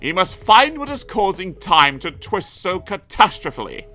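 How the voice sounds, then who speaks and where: A man voicing the Doctor, a pompous, excitable Time Lord who talks in a grand, long-winded way in a storybook reading. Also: high-pitched, moderate pace, faint music behind, pitched above the performer's own voice, heavily acted.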